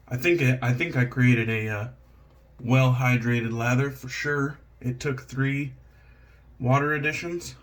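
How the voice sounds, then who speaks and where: A relaxed man talks his way through a shave in his home bathroom, meandering from one thought to the next. He pokes fun at himself and drops the odd curse, keeping it loose and conversational. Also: mid-range voice. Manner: laid-back, rambling, self-deprecating, swears casually. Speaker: shaving channel host. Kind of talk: casual vlog chat while shaving.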